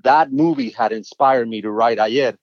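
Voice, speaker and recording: A man with a mid-range voice tells a songwriter's stories in a relaxed interview, animated and prone to repeating words when excited. The sound is dry and a little dull, with no room around it. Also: medium pitch, normal speed, no echo. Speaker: songwriter and guest. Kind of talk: casual interview storytelling.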